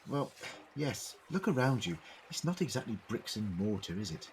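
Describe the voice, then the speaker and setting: In a fan audio drama, a male actor plays an eccentric, brainy alien time traveller who explains things theatrically and with precise wording. His mid-range voice is very animated at a normal speed, natural-sounding with a little hiss or hum.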